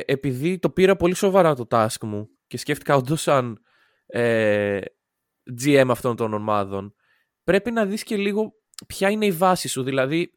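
A man chatting casually as a podcast co-host, animated, with quick interjections. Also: medium pitch, no echo, clean studio sound. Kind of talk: casual basketball chat.

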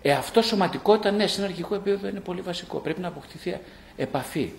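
A man's voice: sits high, creaky, slight background noise. A middle-aged man, a psychologist and author, giving a live talk to an audience, repeating short phrases and asking rhetorical questions. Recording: echoey room.

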